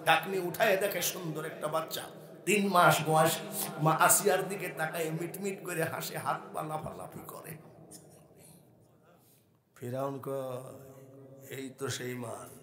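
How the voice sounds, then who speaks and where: A man with a Bangladeshi Bengali accent preaching a waz sermon, telling stories in an animated way, soft asides giving way to shouted and sung lines. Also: a little high, moderate pace, pauses often, roomy sound.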